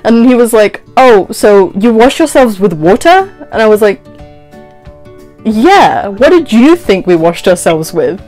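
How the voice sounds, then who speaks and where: In a small indoor bedroom, a twenty-something woman vlogs at a medium pitch and a slightly slow pace, with soft music behind her. Her casual storytelling is animated, full of acted-out conversations, quoted lines, and frequent uses of "like."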